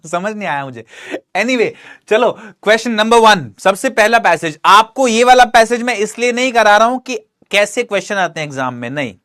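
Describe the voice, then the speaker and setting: Animated male English teacher. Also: high-pitched, moderate pace. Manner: animated, coaxing, asks and answers his own questions. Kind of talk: exam-prep lesson.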